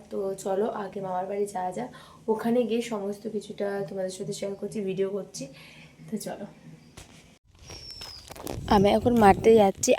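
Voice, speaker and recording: Hoarse young woman vlogging softly. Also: medium pitch, slight background noise. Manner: speaks softly while walking. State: hoarse, lost voice. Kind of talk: casual vlog chat to camera. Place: outdoors, walking through fields. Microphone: handheld camera kept at a distance.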